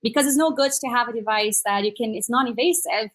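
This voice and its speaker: A fast-talking woman with a fairly high pitch, in her thirties and from Brazil, speaks with a Brazilian Portuguese accent as a native Portuguese speaker. As a startup executive guest in a conversational panel interview, she explains her startup upbeatly, using many "uh" fillers.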